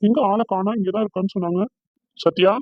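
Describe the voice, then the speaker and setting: A man voicing a loving young fiancé in a cartoon, gentle and reassuring. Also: high voice, steady tone, no echo, muffled recording. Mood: searching. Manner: gentle, reassuring, fast-talking. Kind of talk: cartoon voice acting.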